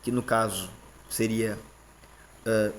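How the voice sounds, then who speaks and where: A man with a Brazilian Portuguese accent teaching a casual lesson. He often checks in with "tá?", repeats terms and pauses on fillers. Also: lowish voice, steady tone, a little hiss or hum.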